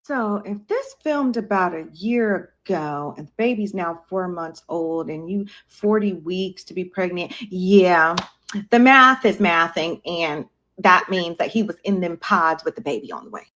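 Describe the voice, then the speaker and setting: A woman's voice: lowish voice, expressive, unhurried, a bit bright. A woman casually recapping a reality dating show with blunt, sassy, profane commentary. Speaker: reality TV reviewer.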